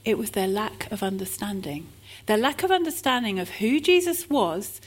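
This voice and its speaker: A woman's voice: medium pitch, expressive, normal speed. A woman preaching a sermon, telling stories in an earnest, heartfelt way.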